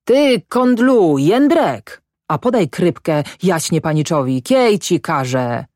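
A woman voicing an excitable middle-aged male peasant farmer who speaks in rustic dialect, grumbling and shouting at times. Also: sits low, a little slow, dry recording, clean studio sound, heavily acted. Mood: angry shouting.

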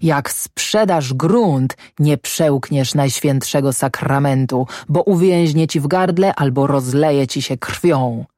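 A woman's voice: low-pitched, slow, few pauses, dark tone, dry recording, studio quality. A narrator voicing a desperate peasant wife in a storybook reading, cursing her husband in a feverish rage. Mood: furious. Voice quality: cursing, pleading, feverish intensity.

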